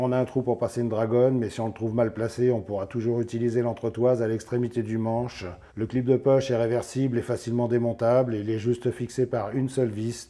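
A man with a hoarse, nearly lost voice, hosting a casual knife review in a chatty, joking way. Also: mid-range voice, dark tone. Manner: chatty, jokey, tags lines with "hein". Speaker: knife review channel host.

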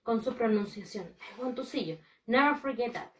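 A woman teaching English to young children, a Spanish speaker who drills pronunciation slowly and emphatically and switches between two languages. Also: on the high side, animated, echoey room, distant mic, rough recording. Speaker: first-grade English teacher. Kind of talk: bilingual classroom lesson.

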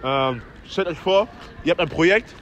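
A young man from western Germany hosting a street comedy interview outdoors on a shopping street, talking into a handheld mic in an energetic, rambling way full of slang and English phrases. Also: fairly high pitch, normal speed. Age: young adult. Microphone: handheld microphone.

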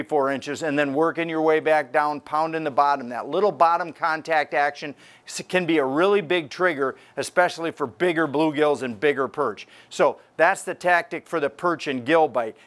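A man's voice: fairly high pitch, a bit bright. A man in his sixties hosting a fishing report, talking energetically to camera from inside a tackle store.

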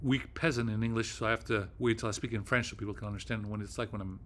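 A man's voice: on the low side, steady tone, quick pace, slight background noise. Man, video host, casual monologue, rambling, agitated, swearing, lots of fillers.

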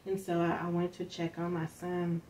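A middle-aged woman from Northern Kentucky telling a personal story in an interview, soft-spoken, with many fillers, acting out the voices of the people she quotes. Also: lowish voice, completely flat delivery, normal speed. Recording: distant mic with faint background hiss.

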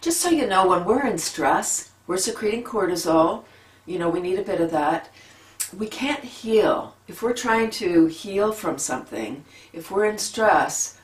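A middle-aged woman leading a gentle relaxation lesson at home, talking softly and sighing out long breaths between exercises. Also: fairly low pitch, distant mic. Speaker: laughter yoga leader. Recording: echoey room, a bit off-mic, faint background hum.

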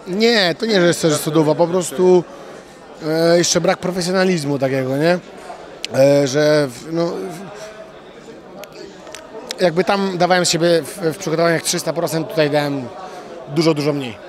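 A young man, a fighter, answering post-fight interview questions outdoors into a handheld mic, halting with many fillers and restarts and blunt slang. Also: fairly high pitch, some chatter behind. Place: outdoors at an event press wall. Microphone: handheld reporter mic.

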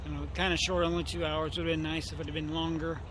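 A man's voice: on the high side, little pitch movement, quick pace. A middle-aged man vlogging casually with a handheld camera on the outdoor deck of a boat at night, rambling with wry asides. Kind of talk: casual vlog narration. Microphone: handheld camera at arm's length. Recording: loud wind and boat noise. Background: wind and engine noise.

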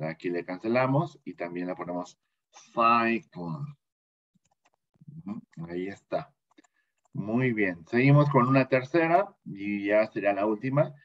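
A man with a Mexican Spanish accent who teaches an English class, speaking patiently and repeating vocabulary slowly so students can copy it. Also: lowish voice, expressive, highs cut off. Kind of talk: bilingual classroom lesson.

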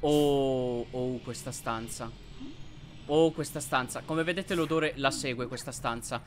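A man hosting a let's play, commenting on gameplay and yelping excitedly at enemies. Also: mid-range voice, a little slow, faint music behind. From Italy. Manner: excitable, yelps and shouts at enemies.

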